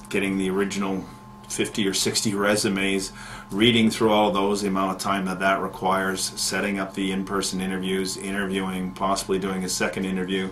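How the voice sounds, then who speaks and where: Low, flat-voiced man. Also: a little hiss or hum. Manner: measured, with frequent fillers and restarts. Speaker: county economic development manager. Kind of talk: interview answers to camera.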